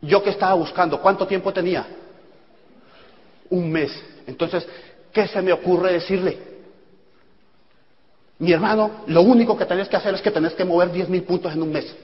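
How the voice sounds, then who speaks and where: A man giving an animated motivational talk, acting out dialogues with sudden loud bursts. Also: sits high, normal speed, long pauses. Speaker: motivational speaker at a business event. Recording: echoey hall, dull lo-fi sound.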